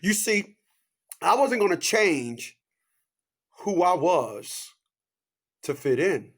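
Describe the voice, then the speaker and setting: Slow and sing-song, a man in his fifties preaches motivation through rhetorical questions and repeated catchphrases. He alternates loud, high bursts with hushed asides.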